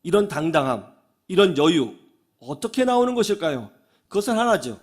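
A male pastor giving a radio sermon, telling stories in an animated way and acting out the people he quotes. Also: a little high, normal speed. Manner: animated storytelling, acts out quoted voices. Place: radio studio.

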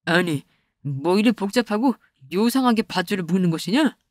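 A woman's voice: mid-range voice, expressive, normal speed, a little mellow, no room sound, studio quality, lightly acted. A woman voicing a worn-out male hero who frets in old-fashioned speech, in a comic animation. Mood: dizzy. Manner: fretful, archaic speech.

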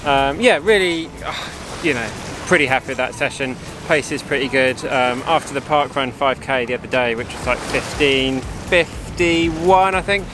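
A man's voice: medium pitch, normal speed, hardly any pauses, background noise. A man, chatting casually to a camera at about arm's length in the open air. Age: 30s. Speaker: running vlogger.

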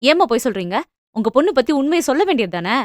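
A woman voicing a spiteful young woman who mocks her younger sister in fast, scornful speech. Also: high-pitched, big pitch swings, dry recording, clean studio sound. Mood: taunting. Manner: mocking, quick, scornful.

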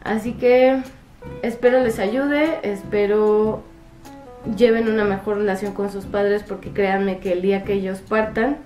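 A Mexican woman vlogging casually at home, talking softly and reflectively, her voice drifting quieter at the ends of thoughts. Her voice sits in a middling range and rings in an echoey room. Faint guitar music plays underneath. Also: mid-range voice, fairly even intonation, measured pace. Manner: soft, reflective, trails off quietly. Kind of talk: casual heartfelt advice to camera.

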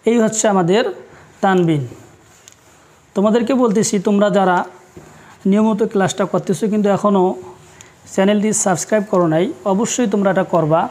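A patient Quran teacher, a man, walks his students through a classroom lesson. He talks slowly, spells each letter aloud and repeats every rule so it sticks. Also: high-pitched, a little mellow.

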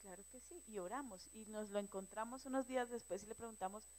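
A woman sharing earnestly with her church prayer group, telling a story with lively rhetorical questions. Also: mid-range voice, fast talker, low-quality recording. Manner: earnest, animated storytelling with rhetorical check-ins.

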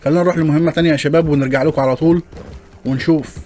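Egyptian male gaming host, quick and joking running commentary, a little higher voiced than most men. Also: steady tone, a little mellow. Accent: Egyptian Arabic. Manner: joking, chatty, complaining to viewers. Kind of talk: gameplay commentary.

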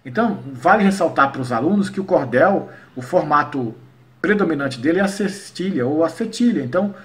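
A man from Paraíba leads an online lesson on cordel poetry. His voice sits a little higher than most men's. He explains patiently and slows into a rhythmic cadence whenever he recites verse. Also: lively intonation. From Paraíba, Brazil. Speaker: cordel poet and workshop teacher.

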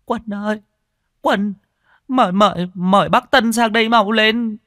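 A man's voice: high-pitched, steady tone, a little slow, pushed and bright, no echo, studio quality, pitched above the performer's own voice. A man doing a wailing old village woman. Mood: panicked. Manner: wailing, pleading.

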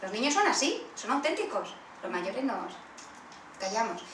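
A woman with a Spanish accent from Spain leading an interactive workshop, animated and acting out examples. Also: fairly high pitch, moderate pace. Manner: animated, acts out children's voices in role-play. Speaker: workshop facilitator. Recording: roomy far-off room recording with faint noise.

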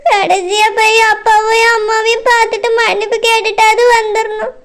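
A voice actor playing a remorseful young woman who ran from home, crying, with a Tirunelveli Tamil accent, in a high sped-up cartoon voice. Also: little pitch movement, fairly bright tone, slight background noise. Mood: sorrowful. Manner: slow, sobbing self-reproach.

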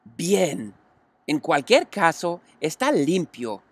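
A man's voice: a little high, very animated, slow pace, slightly rough, no room sound, exaggerated voice. A man reading a storybook aloud, voicing a practical, down-to-earth farm wife. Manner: practical, matter-of-fact.

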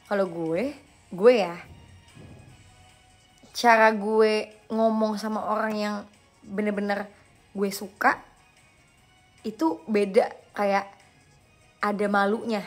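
A young woman hosting a live stream, chatting casually and playfully with viewers and answering their questions in slang, quick to laugh at herself. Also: mid-range voice, steady tone, faint music behind. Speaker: livestream host.

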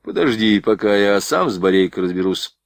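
Male narrator as composed captain, measured orders, dry sound. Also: on the low side, expressive, no room sound. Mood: commanding.

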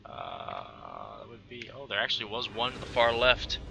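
A gaming channel host in his thirties from Texas, with a light Texan accent, chats through gameplay commentary on a headset, firing off quick exclamations and talking to himself. His voice is lowish with vocal fry and huge pitch swings.

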